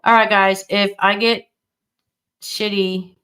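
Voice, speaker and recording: A woman's voice: medium pitch, flat delivery, slow, pushed and bright. A woman hosting a casual livestream rant, blunt and profane, her volume uneven because her mic keeps cutting in and out. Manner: blunt and profane, stumbling restarts. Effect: uneven volume from an unplugged mic cutting in and out. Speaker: livestream host.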